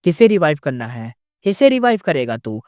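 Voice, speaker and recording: A furious master immortal scolds and gives commands in a harsh, raised voice, as a storyteller acts him out. He sounds fairly high for a man and forceful. The voice is dry, with no room echo. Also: big pitch swings, normal speed. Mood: angry scolding. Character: stern, angry old male master immortal.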